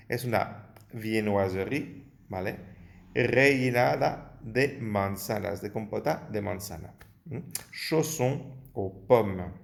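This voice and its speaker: Slow, patient male teacher. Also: fairly low pitch. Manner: slow and patient, repeats words often, says "vale" a lot. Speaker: French teacher. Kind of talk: explaining vocabulary and grammar.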